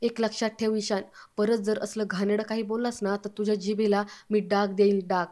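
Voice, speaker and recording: A woman reading the lines of a strict older father scolding his family, in a mellow, flat voice. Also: medium pitch, a little fast, close to an everyday voice. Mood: furious.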